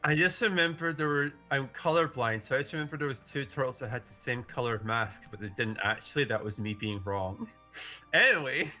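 Bright-voiced woman chatting about a game. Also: very deep voice, brisk, faint music behind. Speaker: co-host playing a video game. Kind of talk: casual let's-play chat.

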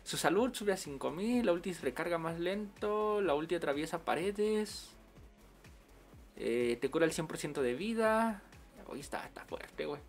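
A man with a Mexican accent chatting casually on a game livestream, full of slang and quick laughs. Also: on the high side, lively intonation, faint music behind. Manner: slangy, laughs often while storytelling. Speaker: game streamer.

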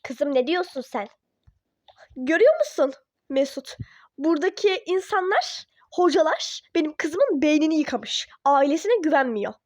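A woman's voice: high voice, sing-song, normal speed, darkish tone, dry recording, clean studio sound. A woman voicing a pushy middle-aged mother who coaxes her daughter to come home in a toy-app role-play drama. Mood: coaxing. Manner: coaxing, dismissive.

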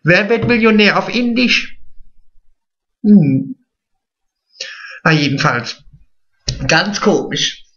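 A man's voice: sits high, animated, slow pace, long pauses, a bit bright, highs cut off, pitched above the performer's own voice, exaggerated voice. A man playing a vain, chatty, naive middle-aged woman in a drag comedy monologue, stretching his words. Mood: gossipy.

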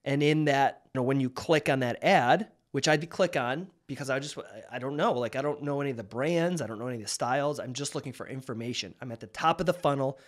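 A man's voice: medium pitch, fast, hardly any pauses. A man in his thirties, a marketing host, explaining in a casual, conversational way with restarts and rhetorical questions. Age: 30s.

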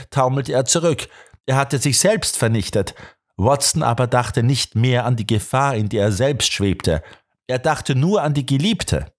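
A male narrator reading a detective story aloud with dramatic flair. His medium-pitched voice is highly animated, rising and falling with each turn of the tale.

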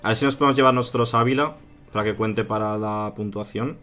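Playing a strategy game, a man from Spain with a slightly low voice chats with his audience at a quick pace and with fairly even intonation, reasoning through his moves aloud. He repeatedly calls viewers "tío" and "chicos," while keyboard clicks and faint music sit in the background.

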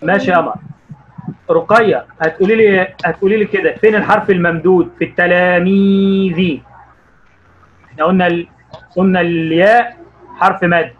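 A man with an Egyptian Arabic accent teaching young pupils online, encouraging them and quizzing them by name, stretching out words slowly as he reads. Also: high-pitched, steady tone, dull audio, a little hiss or hum. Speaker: primary school Arabic teacher.

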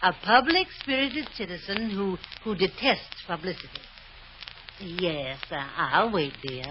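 An actress in a 1950s old-time radio drama plays a scheming, domineering wife, imperious and snapping one moment, sweetly coy on the telephone the next. Her natural, medium-pitched female voice is animated at a measured pace, the mood coy and conniving. The old radio recording sounds dull and noisy.

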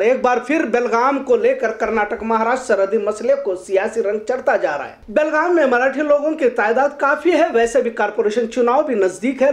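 High-voiced woman reading news commentary. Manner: earnest, moralizing editorial tone. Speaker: news presenter.

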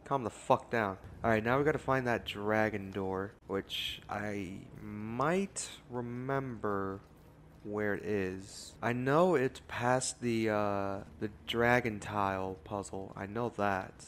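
A young man giving casual gameplay commentary, jumpy and foul-mouthed, yelling and swearing when startled. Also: lowish voice, slow, slight background noise. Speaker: gaming YouTuber.

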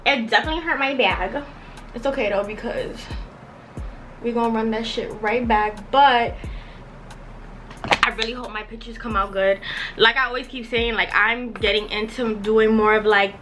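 In a low-quality recording with a little hiss or hum, a twenty-something beauty and lifestyle vlogger chats slangily from her bedroom while getting ready. Her fairly high, slightly bright voice wanders along, packed with fillers.

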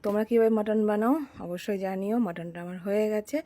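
A young woman with a heavy cold, speaking softly and chatting to viewers in a cooking vlog. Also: mid-range voice, steady tone, fast. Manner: chatty, addresses viewers directly. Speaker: vlogger. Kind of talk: casual cooking vlog narration.

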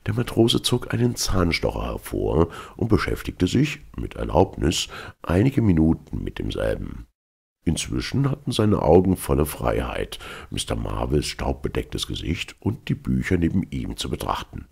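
A man narrates a novel in a very deep, gravelly voice with a husky edge. His reading moves lively up and down. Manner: measured literary reading. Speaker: audiobook narrator. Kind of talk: scripted narration.

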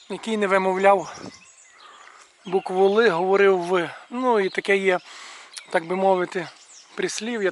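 A man with a fairly high voice ambles around his rural yard and garden, talking casually to the viewers. He keeps pointing things out as he walks. Faint birdsong and outdoor sounds carry softly behind him. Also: slight background noise. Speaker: video blogger showing his village yard. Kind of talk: casual walk-and-talk video commentary.

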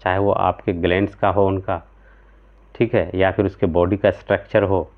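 A man in his thirties, a homeopathic practitioner, explains remedies to camera indoors in a small room at home, speaking at a moderate pace in a low voice with little pitch movement. He's earnest and explanatory, gesturing with both hands and frequently asking "theek hai." The sound is tinny and phone-like.

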